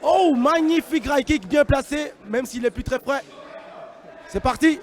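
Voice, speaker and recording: A man giving live combat sports commentary in an excitable, exclamatory manner. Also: extremely high pitch, measured pace. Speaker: fight commentator.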